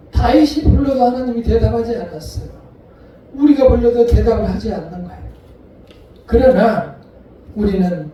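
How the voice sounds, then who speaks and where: A man preaching a sermon as a pastor, earnest and deliberate, leaning on repeated emphasis. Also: high-pitched, dark tone, a little hiss or hum. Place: church sanctuary. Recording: echoey room, voice picked up from a distance.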